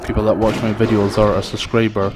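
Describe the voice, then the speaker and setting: Over the gameplay footage, a man from Scotland talks fast and flat in a thick Scottish accent, his commentary loose and meandering. It's a gaming creator's recording on a cheap home mic, with noise in the background.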